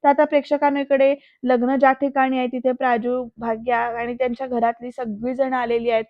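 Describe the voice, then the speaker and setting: A woman with a high voice that stays flat in pitch chats through a TV episode, turning to her viewers again and again. The sound is dry and a touch dull, like a lo-fi home recording. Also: a little fast, no echo. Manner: chatty, addresses viewers directly. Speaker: serial episode reviewer. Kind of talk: retelling a TV episode.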